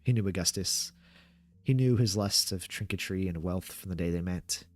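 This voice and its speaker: Low-voiced man narrating a horror story. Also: normal speed, a little mellow. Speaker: narrator reading horror fiction aloud.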